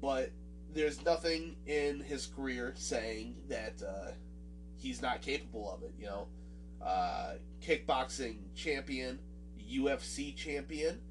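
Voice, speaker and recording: Rambling and self-deprecating, a solo podcast host with a nasal voice and a swollen, busted lip talks casually and slowly, full of fillers and restarts. His mid-range voice is captured poorly from a distance as he sits back from the mic, with faint guitar music underneath.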